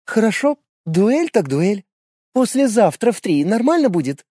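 A man's voice: sits high, big pitch swings, dark tone, dry recording, studio quality, voice pushed up, exaggerated voice. A man voicing a haughty young noblewoman who is sly and predatory, for a storybook. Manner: sly, cutting, drawn-out phrases.

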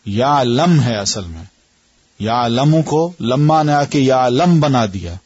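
A man teaching Arabic grammar in a classroom lesson with a Pakistani accent, patiently quizzing students and drawing out word patterns slowly. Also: mid-range voice, a little mellow, slightly rough, dry recording. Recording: dull lo-fi lecture recording.

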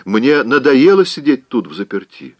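A man's voice: mid-range voice, sing-song, measured pace, no room sound, pitched above the performer's own voice. A man voicing a spoiled, wilful young woman who pleads and storms, in an audiobook reading. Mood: petulant pleading.

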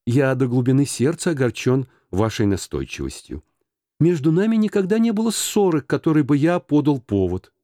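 A man's voice: medium pitch, sing-song, normal speed, dark tone, no echo, close to an everyday voice. A man voicing a cheerful, earnest young man who pleads eagerly with his uncle, in a dry audiobook reading.

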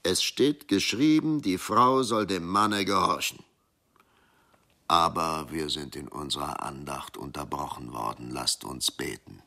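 A man's voice: a bass voice, unhurried, gravelly, bright, forceful tone, full character voice. A man voicing a stern, pious farmer who gives firm, solemn commands. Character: stern pious farmer husband, middle-aged.

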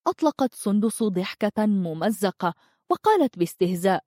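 A woman narrating a dramatic story in a steady audiobook style. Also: medium pitch, normal speed, no echo, clean studio sound.

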